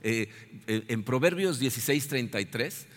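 A man preaching a sermon, lively and conversational, often checking in with his listeners. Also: medium pitch, normal speed. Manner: animated, asks "¿no?" after most sentences. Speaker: pastor. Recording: long hall reverb.

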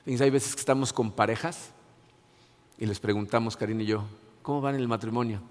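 A man's voice: mid-range voice, fairly even intonation, brisk. A middle-aged male pastor, giving an earnest, conversational sermon full of restarts and repeated words. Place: church. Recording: long hall reverb.

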